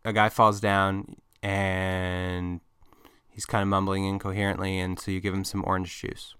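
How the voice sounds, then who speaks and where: A male podcast host talks casually into a close mic, musing and thinking aloud. His voice sits on the low side but sounds bright and forceful, with a smooth, crisp clarity. The sound is dry, with no room echo. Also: monotone, a little slow.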